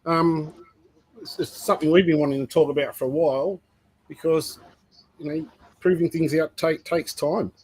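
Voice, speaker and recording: A man's voice: fairly high pitch, fairly even intonation, moderate pace, a little mellow, breathy edge, poor audio. A man co-hosting a reptile livestream, telling stories in a rambling, filler-heavy casual way. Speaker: co-host of a reptile breeding livestream. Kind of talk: casual chat.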